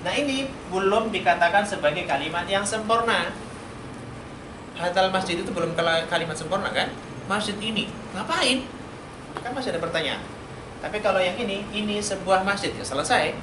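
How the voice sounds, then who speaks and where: Speaking at a normal speed in a voice that sits high, a man quizzes his Arabic students call-and-response style during a classroom lesson. It's recorded in a mosque study room with a roomy, noisy hall sound.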